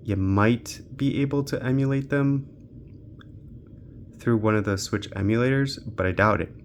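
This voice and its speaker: Testing games on a handheld, this male tech reviewer thinks aloud in an informal, unscripted walkthrough for his channel. His voice sits at medium pitch and moves at a moderate pace over slight background noise.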